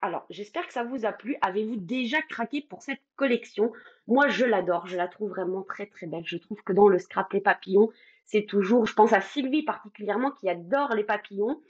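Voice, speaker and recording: A woman's voice: medium pitch, brisk, slightly rough, muffled recording. A French woman hosting a live craft stream, chatting casually, greeting viewers by name with many fillers. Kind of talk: casual live demo chat.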